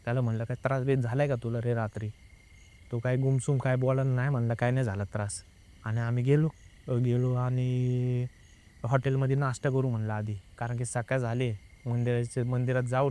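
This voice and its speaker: A young man sits as a guest and recounts something that happened to him, in a loose, chatty way. He keeps slipping into the voices of the people involved, tagging line after line with "I said". His voice sits at an ordinary pitch for a man. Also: a little fast, smooth. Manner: lively, re-enacts dialogue with many "I said" tags. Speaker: guest telling a personal ghost experience. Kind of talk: casual spoken storytelling.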